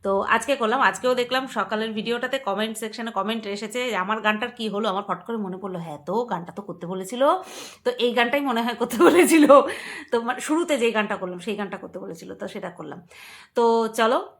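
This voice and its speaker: A woman's voice: a little high, fairly quick. A woman vlogger chatting casually to her viewers, emphatic and playful, repeating words and laughing often. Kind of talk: casual commentary to camera.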